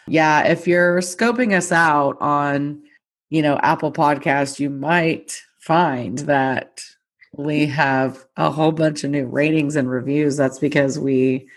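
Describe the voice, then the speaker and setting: Low-voiced woman co-hosting a casual podcast. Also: steady tone, takes it slowly. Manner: laughing, swearing, rambling. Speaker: podcast co-host. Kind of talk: casual chat.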